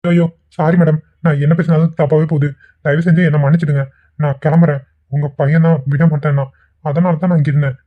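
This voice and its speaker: A man voicing a soft-hearted young cartoon hero with a slightly raised voice who talks rapidly and earnestly. He keeps pleading to be understood. The sound is tinny and phone-like. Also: fairly high pitch, little pitch movement, lightly acted. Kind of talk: cartoon voice acting.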